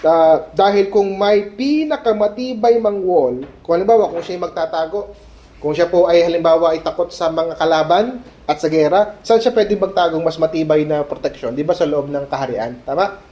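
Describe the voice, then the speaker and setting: A male pastor preaching a sermon at a prayer meeting, animated, mixing Tagalog and English and checking in with "Okay?". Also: fairly high pitch, moderate pace. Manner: mixes Tagalog and English mid-sentence. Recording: dull lo-fi sermon recording.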